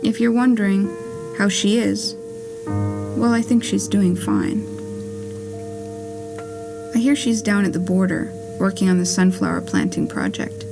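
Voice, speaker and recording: A woman reads her own play aloud, a scripted, letter-like monologue for a puppet show, in a wry, plainspoken storytelling manner at a live theatre performance with music behind her. Her mid-range voice has lively intonation and creak, moving unhurriedly with long pauses.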